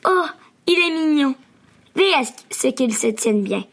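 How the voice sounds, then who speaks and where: A woman's voice: high-pitched, animated, measured pace. A woman voicing a busy mother in a children's story, with a raised, exclaiming voice. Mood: distracted. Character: busy mother, distracted then delighted.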